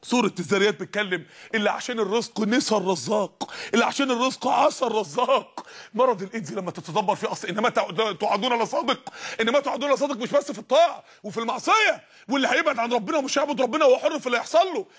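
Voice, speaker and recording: A man preaching a sermon with an Egyptian accent, emphatic and full of rhetorical questions that rise to shouts. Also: very high voice, very fast, slightly rough. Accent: Egyptian Arabic.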